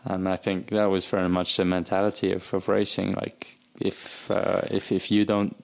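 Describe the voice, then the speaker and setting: A man's voice: sits low, monotone, moderate pace, creaky. A man, a former professional cyclist, casually recounting racing stories with many fillers and restarts. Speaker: former pro cyclist guest. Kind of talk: casual conversational storytelling.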